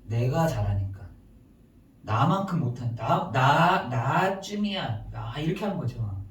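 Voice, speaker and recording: A man's voice: mid-range voice, very animated, a little slow. A man preaching a sermon as pastor, emphatic and dramatic, acting out prayers and complaints in a raised voice. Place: church sanctuary. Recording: echoey church room, mic at a distance.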